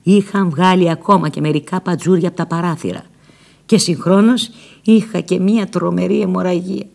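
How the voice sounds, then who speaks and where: A woman narrating a first-person novel aloud in an expressive, dramatic storytelling manner. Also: on the low side, vocal fry. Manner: expressive, dramatic storytelling with lively shifts in loudness. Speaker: audiobook narrator.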